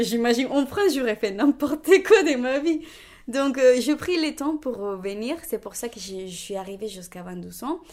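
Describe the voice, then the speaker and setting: Speaking French with a Colombian Spanish accent, this interviewee, a young woman in her twenties from Colombia, has a voice that sits high. Her conversational testimony is lively, broken by frequent restarts and bursts of laughter.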